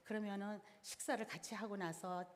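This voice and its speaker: A woman's voice: mid-range voice, fairly even intonation, fairly quick. A middle-aged woman giving a church seminar, explaining each step plainly and in order. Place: church hall. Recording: reverberant hall sound.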